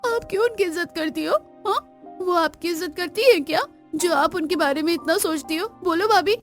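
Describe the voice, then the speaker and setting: A woman's voice: very high-pitched, normal speed, faint music behind. A woman voicing a young, outspoken girl in a cartoon, pleading and indignant. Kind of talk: Hindi cartoon voice acting.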